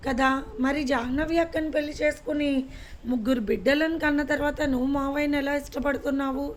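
A woman voicing a defiant, sharp-tongued young woman in a storybook reading, retorting. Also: high-pitched, fairly even intonation, a little fast, natural voice.

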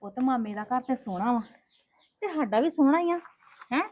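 A woman's voice: sits high, expressive, darkish tone. A woman playing a strict but loving mother who scolds and coaxes her daughters in a family drama. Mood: soothing. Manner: quick, scolding, then coaxing. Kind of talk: homemade family drama acting.

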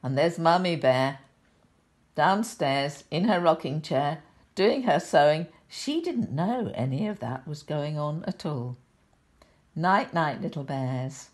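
Sweet older woman, low slow storytelling voice. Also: animated. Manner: sweet, gentle old-lady reading, chatty asides to the listener. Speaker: grandmother reading a picture book to children. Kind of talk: storytelling aloud to young children.

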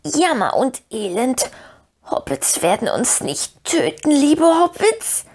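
A woman's voice: sits high, sing-song, slow pace, a little mellow, husky, pitched above the performer's own voice, exaggerated voice. A woman voicing a pitiful, sly creature in an audiobook, with a hissing, whispery, wheedling whine. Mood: whining. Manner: wheedling, self-pitying, talks to "precious". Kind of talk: audiobook reading.

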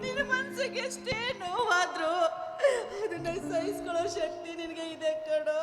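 A woman's voice: very high voice, moderate pace, echoey room, loud music behind the voice. A woman playing a devoted, tearful mother and wife in a village stage melodrama, declaiming and repeating her lines. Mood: tender. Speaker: stage actor.

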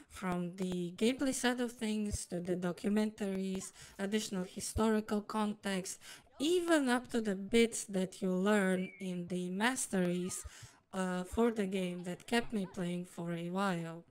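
A woman's voice: mid-range voice, a little mellow, rough recording. A woman speaking through a voice changer, giving a rambly personal game review in formal, wordy phrasing. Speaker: streamer and video reviewer.

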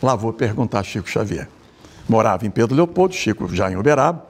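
A man interviewed for a documentary who recounts a personal memory with gentle humor. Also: on the low side, very animated, fast, slightly rough.

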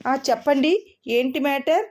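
Woman voicing a gruff, hoarse lady police officer. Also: sits high, normal speed. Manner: curt, shouting. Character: stern, gruff heavyset female police officer.

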